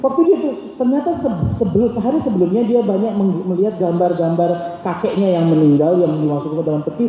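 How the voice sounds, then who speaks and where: A male preacher giving a sermon at a university service, animated and humorous, talking straight to the congregation. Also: sits high, quick pace. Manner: animated and humorous, addresses listeners as saudara. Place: university worship hall. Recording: echoey hall, distant mic, faint noise.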